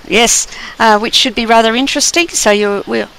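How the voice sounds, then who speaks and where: A hoarse co-instructor wrapping up a class session in a relaxed, chatty way. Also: mid-range voice, moderate pace, poor audio. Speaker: co-instructor of a course. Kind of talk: spoken class wrap-up.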